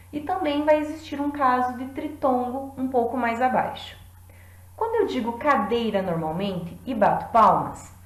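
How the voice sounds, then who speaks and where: Woman teacher, slow and deliberate, fairly high voice. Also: roomy sound, low-quality recording. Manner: clear, deliberate, claps out syllables. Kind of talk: classroom lesson.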